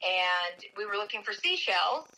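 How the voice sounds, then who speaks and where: A woman's voice: medium pitch, lively intonation, a little slow, bright, forceful tone, poor audio. An American woman in her forties casually recounting events as an interview guest over speakerphone. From Tri-Cities, United States. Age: 40s. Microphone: speakerphone call.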